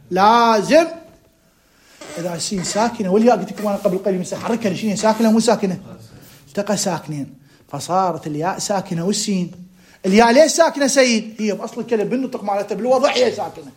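A man with an Iraqi Arabic accent teaching a grammar class, quizzing his students with quick rhetorical questions and drawing out key words for emphasis. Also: sits high. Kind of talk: classroom lecture.

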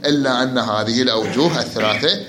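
Bright-voiced grammar teacher. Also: male voice, mid-range voice, fast, slight background noise. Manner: prompts students with questions and repeats answers. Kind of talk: classroom lecture. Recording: echoey room.

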